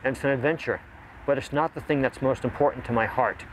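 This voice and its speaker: A man speaking calmly and earnestly in a reflective documentary interview. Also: mid-range voice, fast, slight background noise, rough recording.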